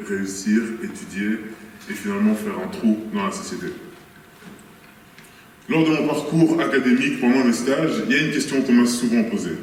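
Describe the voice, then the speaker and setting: Man, 30s, doctor at a symposium, formal measured speech, very echoey hall, distant mic. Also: lowish voice, slight background noise. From Congo, raised in Belgium. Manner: formal and earnest, measured delivery. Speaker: young doctor, symposium speaker. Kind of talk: prepared speech at a conference. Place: large hall with long reverb. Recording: echoey hall audio from far off.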